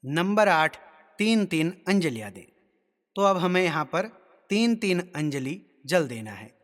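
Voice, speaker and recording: A man giving a step-by-step ritual lesson, explaining rules in a measured way and chanting mantras slowly. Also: fairly high pitch, sing-song, a bit bright. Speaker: ritual instructor. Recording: long reverb.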